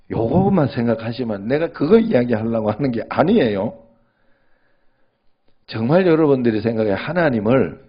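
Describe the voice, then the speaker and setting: A man's voice: medium pitch, slightly rough, muffled recording. A male pastor giving a sermon in a conversational way, often checking in with the congregation.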